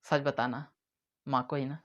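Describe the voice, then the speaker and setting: A man's voice: mid-range voice, flat delivery, measured pace. A man teaching memory tricks in a playful way, acting out little scenes as he explains. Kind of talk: mnemonic lesson to camera. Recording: dull lo-fi sound.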